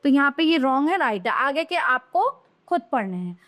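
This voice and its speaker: A woman's voice: sits high, big pitch swings, moderate pace, fairly bright tone. A woman teaching a grammar lesson to young children, in a sing-song way that rises on the wrong forms and falls on the right ones.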